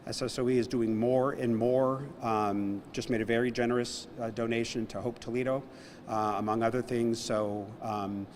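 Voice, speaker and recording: A man's voice: mid-range voice, fairly even intonation, moderate pace, a little mellow, in a large hall, slight background noise. A man, a civic official acting as emcee, closing a ceremony speech in an informal, joking, rambling way. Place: large indoor hall.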